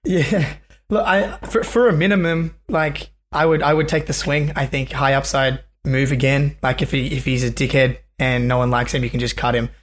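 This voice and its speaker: A man's voice: mid-range voice, fairly even intonation, moderate pace. A man, the new co-host on a sports podcast, talking in a rambling way with lots of ums. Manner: rambling, apologetic, frequent ums. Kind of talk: casual sports podcast chat.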